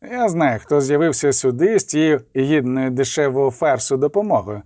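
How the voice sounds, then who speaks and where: Male reader doing a cold sorcerer villain: measured threats, mellow dark tone, dry close sound. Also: mid-range voice, expressive, no echo, lightly acted. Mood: menacing.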